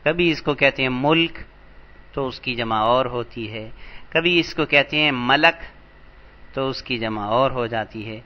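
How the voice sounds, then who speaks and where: A man teaching an Arabic grammar lesson, patient and slow, repeating each word for emphasis. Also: medium pitch, dull audio. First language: Urdu. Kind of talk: lecture explaining vocabulary.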